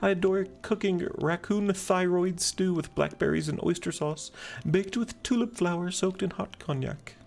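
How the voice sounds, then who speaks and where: A man voicing a melodramatic, self-pitying refugee woman who once ran a posh kitchen, in a gushing falsetto. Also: moderate pace, creaky, a little mellow.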